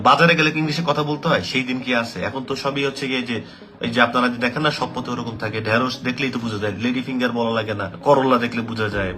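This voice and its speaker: A man who teaches English, speaking casually to camera, full of rhetorical questions and mixing in English phrases. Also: medium pitch. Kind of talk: casual opinion talk to camera.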